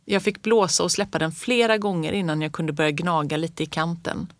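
A woman narrating a children's story in the first person, reading calmly and evenly. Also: fairly low pitch, dry recording, clean studio sound. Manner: calm, even reading. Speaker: audiobook reader.

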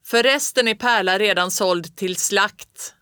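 A reader voicing a sour, stern farmer father who calls out loudly over a storm. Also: mid-range voice, clear, resonant tone, no echo, clean studio sound, lightly acted. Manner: calling out loudly over the wind.

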